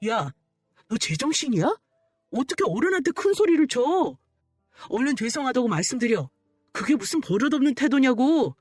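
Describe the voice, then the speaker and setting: A woman's voice: sits high, big pitch swings, a little fast, dry recording, studio quality, faint music behind, voice pushed up. A woman voicing a rude, hot-tempered young man who snaps and curses at his fiancée, in a radio story reading. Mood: angry. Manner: rude, bossy, shouting.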